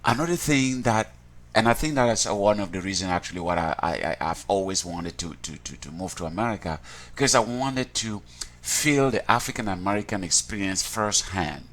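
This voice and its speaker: A man from Cameroon, speaking in a fairly low voice. He gives an earnest, reflective personal account in an interview, often restarting and repeating words as he searches for them. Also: lively intonation, moderate pace, fairly bright tone.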